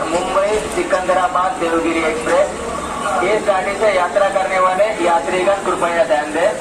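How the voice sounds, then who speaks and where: Male station announcer over the PA loudspeaker, fairly high voice, echoey and distant on a noisy platform. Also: fairly even intonation. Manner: slow, measured public-address delivery. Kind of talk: formal railway announcement.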